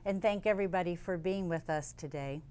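Woman w a lowish voice, formal candidate intro, listing off her roles. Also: a little fast, dark tone, smooth. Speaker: candidate, former mayor. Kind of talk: campaign forum statement.

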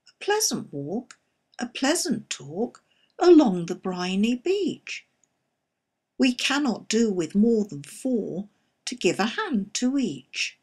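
A woman voicing a smooth-talking male walrus in a verse story, coaxing, grandly polite and falsely sympathetic. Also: fairly high pitch, sing-song, slow, darkish tone, full character voice.

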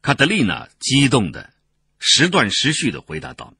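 A man reading a historical novel aloud in a dramatic audiobook narration, swinging expressively between loud and soft passages. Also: medium pitch, wildly swooping pitch, moderate pace, creaky, husky, no room sound, clean studio sound.

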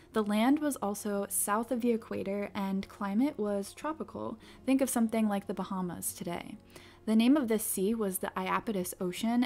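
A woman hosting a geology video, giving clear, upbeat scripted science narration. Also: mid-range voice, darkish tone. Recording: background music under voice-over. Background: background music.

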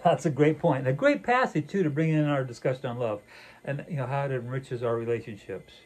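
A man's voice: medium pitch, animated, a little fast, slightly rough, low-quality recording. An older man, a pastor, talks through a sermon with a co-host in a small wood-paneled room, earnest and reflective with many "you know"s. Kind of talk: conversational sermon dialogue.

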